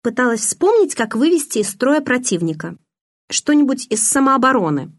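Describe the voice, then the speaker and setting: An anxious, touchy teenage girl, voiced by a woman reading a novel, lifting her pitch and pleading with feeling. The voice is husky and close, the sound dry. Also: big pitch swings, normal speed, dry recording, full character voice. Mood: emotional.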